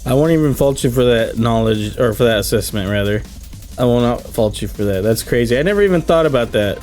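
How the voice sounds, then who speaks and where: A man's voice: medium pitch, animated, brisk, a little mellow. A man hosts a casual chat in a mid-range voice. He talks in short, emphatic, slangy bursts. Music runs behind his speech. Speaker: host reading questions.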